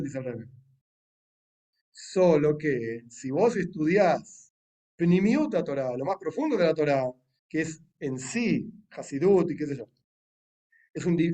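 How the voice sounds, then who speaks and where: An Argentine rabbi leads a relaxed Torah class, explaining texts in a chatty voice pitched a little high and breaking into wry, joking asides. His voice sounds a little far from the microphone. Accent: Argentine Spanish. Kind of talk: casual explanatory Torah lesson.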